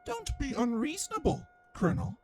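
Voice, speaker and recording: A woman's voice: high-pitched, sing-song, measured pace, slight background noise. A woman voicing a cold, condescending android that wears a male soldier's body and speaks in an artificial voice. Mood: calm menace.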